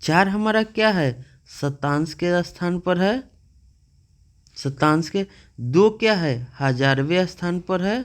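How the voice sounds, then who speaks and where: A male math teacher with a slightly high voice. He walks through a lesson patiently, asking questions and checking in with a frequent "okay". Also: slow pace.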